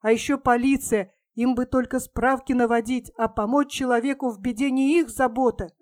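A woman voicing an outspoken, indignant woman in a crowd who pleads loudly and scolds. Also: fairly high pitch, fairly even intonation, moderate pace, no echo, studio quality, close to an everyday voice.

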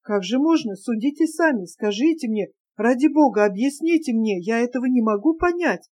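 Heartbroken young girl pleading through tears, read by a woman, mellow voice. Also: a little high, expressive, moderate pace. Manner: pleading, tearful questioning. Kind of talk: audiobook character reading.

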